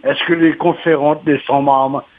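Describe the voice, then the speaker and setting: A man's voice: fairly high pitch, little pitch movement, normal speed. A man leaving a voicemail message, rambling and stumbling over words as he restarts them. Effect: voicemail message over a phone line. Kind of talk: rambling phoned-in rant. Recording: tinny phone line.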